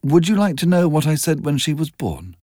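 Audiobook: male reader doing a high, lilting, cynical young rich woman; breathless and mocking, dry studio. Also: very animated, brisk, warm tone, no echo. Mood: wistful. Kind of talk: audiobook character voice.

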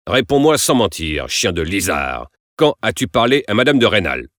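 A man reading aloud, voicing an angry, harsh old peasant father who scolds loudly. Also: fairly low pitch, big pitch swings, normal speed, dry recording. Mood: furious.

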